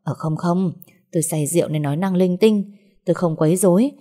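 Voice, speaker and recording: A woman's voice: lowish voice, lively intonation, a little fast, mellow. Woman doing a drunk, groveling older office manager. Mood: pleading. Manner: blustering then groveling, stammering fillers. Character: drunk older male sales manager, lecherous and cowardly.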